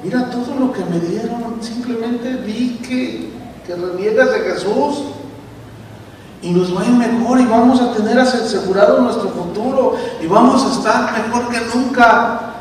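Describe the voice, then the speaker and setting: Man doing a coaxing young wife, raised high voice, distant echoey church hall. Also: measured pace, slight background noise. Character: young wife pleading with her husband to renounce.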